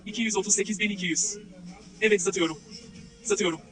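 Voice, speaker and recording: A brisk male auctioneer from a video game , voiced by a man, with a notably high voice. He rattles through formulaic, repeated bid calls as scripted lines, with clear music playing behind him. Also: steady tone, natural voice. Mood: brisk selling. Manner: formulaic, repetitive calling of bids.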